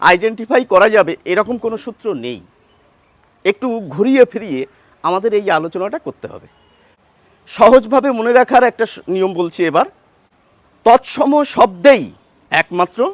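High-voiced Bengali teacher, slow and deliberate. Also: male voice, no echo. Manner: deliberate, sounds out example words, asks questions then answers them. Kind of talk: grammar lesson.

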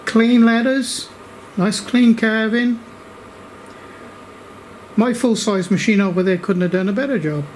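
An Australian man gives a casual review in his workshop, his voice fairly high and his pace unhurried. He rambles with fillers and restarts as he works his thoughts out. The sound is roomy and picked up from some distance, with faint workshop ambience behind. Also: a little hiss or hum. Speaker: workshop YouTuber.

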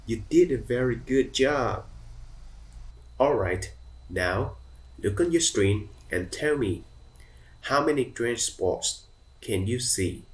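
A man teaching English to children, slow and encouraging and praising them often. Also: medium pitch, expressive.

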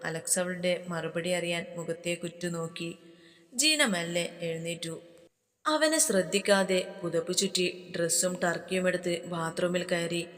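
A woman narrating a romance story with soft, steady storytelling. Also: fairly low pitch, a little slow. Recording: long hall reverb.

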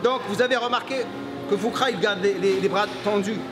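A man's voice: high voice, brisk, over music. A middle-aged man hosting a gym training vlog, coaching energetically and pushing his partner through sets. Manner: energetic, pushes with repeated "come on". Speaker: bodybuilding coach and channel host. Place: large busy indoor gym. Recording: echoey gym with loud background noise.

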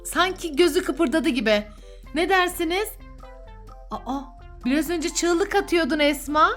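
A woman's voice: very high-pitched, animated, a little slow, a bit bright, faint music behind. A woman hosting a children's vlog as a mother, chatting playfully and coaxing with sing-song questions. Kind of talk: playful casual chat with a child and viewers.

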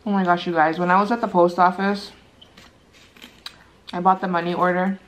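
Her voice is lowish and level, at a normal speed. She's a woman in her thirties making casual talk while eating, crunching chips and chewing between bites in the manner of a mukbang vlogger in her living room.

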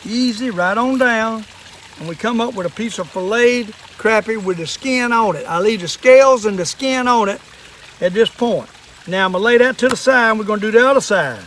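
A man's voice: sits high, moderate pace, fairly bright tone, a little hiss or hum. An older man with a Southern US accent talks like a plainspoken old fisherman, giving a casual hands-on demonstration outdoors. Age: older, 60s or above. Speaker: fishing and fish-cleaning demonstrator. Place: outdoors in a wooded yard at a table.

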